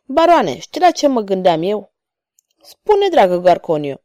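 An arrogant nobleman blustering at an enemy, played by a woman reader. His speech rises and dips with lively pitch, mellow in tone and recorded close and dry. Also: dry recording, lightly acted. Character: arrogant male baron, nobleman.

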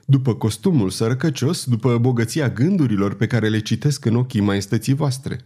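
A man reading the part of a calm, proud male knight who speaks with haughty courtesy. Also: medium pitch, breathy edge, close to an everyday voice. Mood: courtly. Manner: polite but haughty, smiling.

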